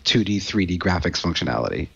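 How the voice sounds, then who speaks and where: A male guest programmer with a lowish voice, explaining things in a hesitant, halting way. His sound comes through dull and lo-fi. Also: lively intonation, creaky, breathy edge. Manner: hesitant, full of ums and restarts. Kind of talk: casual explanation.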